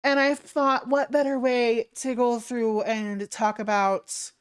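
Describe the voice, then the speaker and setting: Cute bubbly girl streamer saying hi to chat, really clear smooth voice. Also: a little high, little pitch movement, slow, dry recording. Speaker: game livestream host. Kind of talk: livestream chat to viewers.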